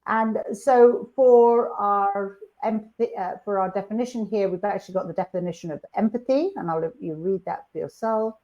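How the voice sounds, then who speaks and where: A woman's voice: medium pitch, normal speed, few pauses, dark tone, lo-fi sound. Upbeat woman presenting a webinar. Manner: chatty, upbeat, with frequent fillers and restarts. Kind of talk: live online workshop presentation.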